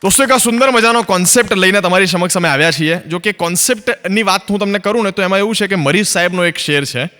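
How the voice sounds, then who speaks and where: Fast, bright-voiced Ahmedabad comedian. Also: male voice, high voice, big-room sound. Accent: Ahmedabad Gujarati. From Ahmedabad, Gujarat, India. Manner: chatty storyteller acting out both sides of dialogues. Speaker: stand-up comedian. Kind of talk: stand-up comedy monologue. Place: stage, filmed for a comedy recording.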